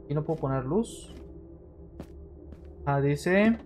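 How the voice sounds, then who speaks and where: A man streaming a horror game, chatting to his viewers and getting jumpy and excitable, yelling when scared. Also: on the high side, slow pace, soft background music. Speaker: gaming streamer. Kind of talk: let's-play commentary.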